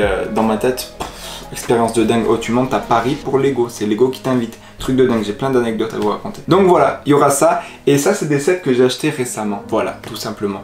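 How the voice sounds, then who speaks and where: A man vlogging as he unboxes a parcel, excitable and rambling, with plenty of fillers and quick laughs. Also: mid-range voice. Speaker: YouTuber. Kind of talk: casual unboxing vlog. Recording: echoey room with music playing.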